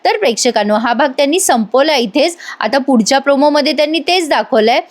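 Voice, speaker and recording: Chatty high-voiced woman recapping a serial. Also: expressive, fairly quick. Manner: chatty, conversational. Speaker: serial reviewer.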